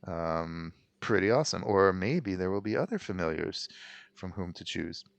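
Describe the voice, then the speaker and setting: A man in his thirties giving casual gameplay commentary, slightly hoarse with a low growl, chatty and full of ums and restarts. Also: expressive, moderate pace, no echo. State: voice going hoarse. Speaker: let's play host.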